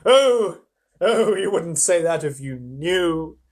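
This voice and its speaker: A man's voice: a little high, animated, voice pushed up. A man voicing a timid, sorrowful male faun in a story reading, stammering and wailing in guilt. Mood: sobbing, self-reproachful. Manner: wailing, drawn-out, stammering, repeating himself.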